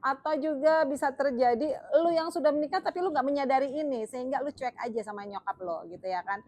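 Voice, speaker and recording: Young woman, chatty, emotional, filler-heavy, slightly high voice. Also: fast talker, darkish tone. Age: young adult. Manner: emotional, chatty, full of fillers, laughs often. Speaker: vlogger. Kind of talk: casual storytelling to camera.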